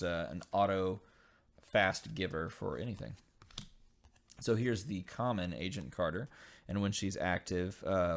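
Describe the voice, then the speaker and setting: Man, deep low voice, casual unboxing commentary, reading cards aloud, musing. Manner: reads card text aloud and muses on it, with frequent uh fillers. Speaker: channel host opening dice game packs.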